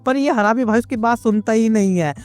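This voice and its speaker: A man's voice: very high-pitched, brisk, a little mellow, soft background music. A man narrating a comic manga recap in casual, crude street slang with constant buddy asides.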